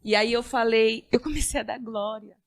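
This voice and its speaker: A woman giving a personal faith-filled testimony as a podcast guest, earnest, with halting restarts. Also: fairly high pitch, fairly even intonation, no room sound. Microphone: studio podcast mic.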